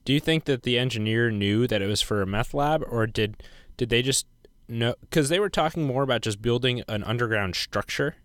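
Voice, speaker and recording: A man's voice: mid-range voice, a little fast, fairly bright tone, no room sound, clean studio sound. A man co-hosting a podcast in casual chat, asking curious questions and laughing easily. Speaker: podcast co-host.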